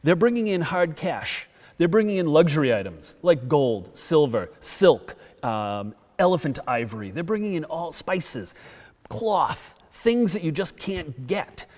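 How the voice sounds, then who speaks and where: A middle-aged man giving a lively public history lecture as a guest speaker in a town hall, telling it like a story. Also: fairly high pitch, unhurried. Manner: lively storytelling, acts out quotes. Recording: long hall reverb.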